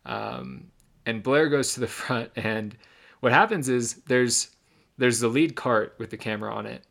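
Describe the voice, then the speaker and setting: A man's voice: mid-range voice, unhurried, vocal fry. A young man co-hosting a podcast, casually recounting a race he ran, with lots of ums and restarts. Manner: relaxed storytelling with many ums and restarts. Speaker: podcast co-host, runner.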